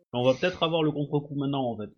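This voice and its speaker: A man's voice: a little high, darkish tone, highs cut off. Chatty hesitant male tabletop player. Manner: chatty, hesitant, many fillers. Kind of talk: casual tabletop game chat.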